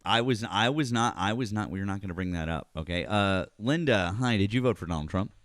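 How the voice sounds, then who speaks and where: A man's voice: lowish voice, lively intonation, a little fast, fairly bright tone, no echo, studio quality. A man hosting a live stream, chatting casually and often repeating words as he searches for them. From northeastern United States.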